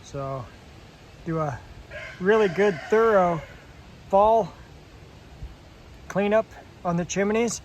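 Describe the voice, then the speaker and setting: A man chatting casually as he vlogs outdoors on his rural property, relaxed and full of fillers, a bit out of breath. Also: high-pitched, slow, long pauses, slight background noise, rough recording. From Alaska. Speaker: homesteader vlogger. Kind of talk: casual outdoor vlog narration.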